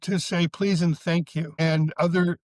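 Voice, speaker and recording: A man guest talking thoughtfully and measuredly in a casual podcast conversation, slowing down on key points. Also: fairly high pitch, level tone, a little mellow, no room sound. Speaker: psychotherapist guest.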